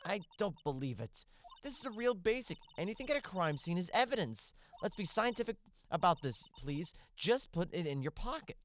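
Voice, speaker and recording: A woman's voice: fairly low pitch, normal speed, a little hiss or hum. A woman voicing an eager young science-loving assistant. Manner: earnest, excitable.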